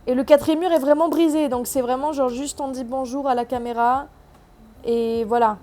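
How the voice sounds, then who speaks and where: A woman's voice: high-pitched, fairly even intonation, normal speed, warm tone. Sarcastic, slangy young woman reviewer. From South America. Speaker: film reviewer. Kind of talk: casual vlog commentary.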